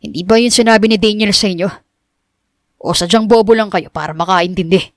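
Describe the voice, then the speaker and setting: Woman voicing a cold young man in an audiobook, lowered and curt, gruff timbre. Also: a little fast, no echo, clean studio sound, lightly acted. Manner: curt and cutting, mixing English in. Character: cold, bitter young rich man posing as gardener. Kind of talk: audiobook character reading.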